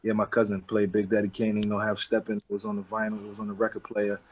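A husky man from the Bronx speaks with a New York accent. His delivery is flat and low, with little rise or fall. He talks loosely and casually, like someone telling a story to a friend. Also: quick pace, low-quality recording. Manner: loose and street-casual, with frequent "you know what I'm saying". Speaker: guest. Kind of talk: casual interview talk.

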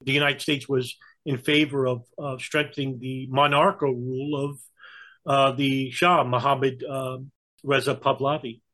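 A man with a New York accent giving conversational political and historical commentary, in a halting way with frequent hesitations. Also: medium pitch, little pitch movement, fairly bright tone. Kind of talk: conversational explanation.

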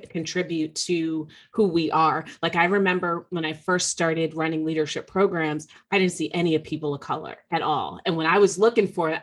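A woman co-hosting a podcast interview who speaks in an enthusiastic, casual way with frequent likes. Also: low voice. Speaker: podcast co-host.

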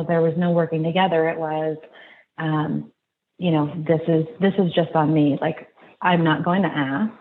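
A woman guest in an interview, reflecting slowly and haltingly, restarting her sentences. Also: low-pitched. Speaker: podcast guest. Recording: tinny phone-like line, faint noise.

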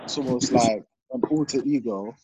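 A young man with a London roadman accent and a husky voice, bantering bluntly in street slang and repeating himself for emphasis. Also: mid-range voice, moderate pace, background noise. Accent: London, urban street slang. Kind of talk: casual group banter.

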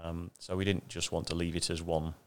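A man's voice: low-pitched, level tone, a little fast. A man, chatting casually as a guest, rambling and self-deprecating. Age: 50s. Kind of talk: casual chat.

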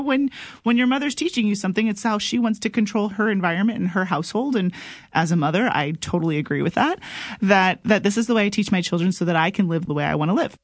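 A woman's voice: mid-range voice, no room sound. Woman chatting casually in a dry studio. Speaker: talk show guest. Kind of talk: casual chat.

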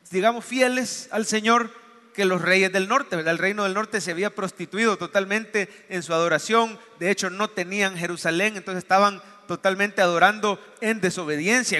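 Male pastor, high bright voice, lively preaching in a church with long reverb. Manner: animated storytelling, acts out dialogue. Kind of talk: sermon.

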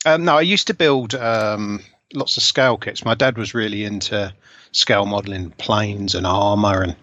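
A man's voice: fairly low pitch, moderate pace, fairly bright tone, dry recording. Self-deprecating Essex man, dry muffled sound. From Essex, England. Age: 40s. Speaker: interview guest, scale model hobbyist. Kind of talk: casual conversation, telling life story. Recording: slightly dull, lo-fi voice recording.

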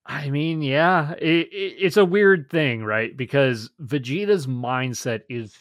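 A man's voice: a little high, takes it slowly, a bit bright, dry recording, studio quality. A man co-hosting a podcast, chatting casually and gushing enthusiastically as he reviews episodes. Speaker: podcast co-host.

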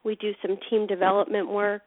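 A woman's voice: mid-range voice, level tone, brisk, dry recording. A woman speaking as a leadership consultant guest in a radio interview, explaining her work enthusiastically. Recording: dry, tinny phone line.

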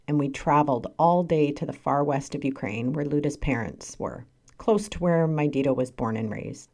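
Canadian woman in her 40s, low mellow voice, earnest measured read. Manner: earnest, measured reading with emphatic stresses. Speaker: podcast host. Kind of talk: scripted personal monologue.

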